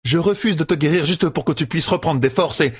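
A man voicing a stern, sharp-tongued female healer in an audiobook reading, scolding and sharp. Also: on the high side, a little fast, breathy edge, no room sound, pitched above the performer's own voice.

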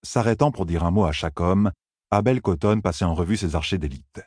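A man narrating a fantasy audiobook in a dramatic, expressive reading on a close mic. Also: deep voice, brisk, slightly rough, no room sound.

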